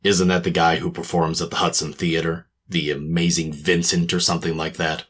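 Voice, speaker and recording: A man's voice: sits low, level tone, normal speed, fairly bright tone, breathy edge. A man playing a cynical hard-boiled private detective, narrating and talking in a clipped, sardonic tough-guy manner in a noir radio drama.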